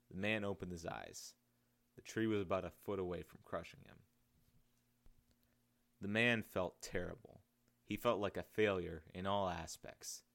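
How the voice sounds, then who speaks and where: A man reading his own audiobook aloud in a steady, measured way. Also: low voice, gravelly. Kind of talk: audiobook narration.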